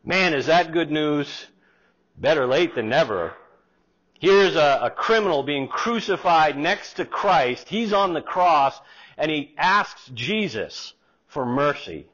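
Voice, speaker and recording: A middle-aged pastor stands before a wooden pulpit in a church sanctuary, reading scripture aloud during his sermon with mounting emphasis. His voice is medium-pitched and a bit bright. The recording is lo-fi and slightly dull.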